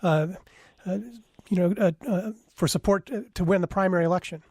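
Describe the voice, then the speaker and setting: A man's voice: high-pitched, steady tone, a little fast, darkish tone, no room sound. A man hosting a public radio show, interviewing in a courteous, direct way. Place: radio studio, dry close sound.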